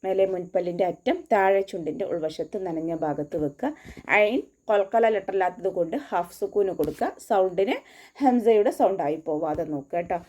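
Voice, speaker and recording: Patient woman teaching recitation, mellow voice. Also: fairly low pitch, a little fast. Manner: patient and methodical, gives mouth and tongue placement cues. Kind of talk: tajweed lesson, slow line-by-line instruction.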